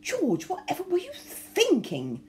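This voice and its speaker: A haughty aristocratic lady, snappish and easily outraged, voiced by a woman reading aloud. Her pitch moves a lot, and her tone stays mellow. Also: animated, brisk, a little hiss or hum. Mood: indignant. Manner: snappish, indignant.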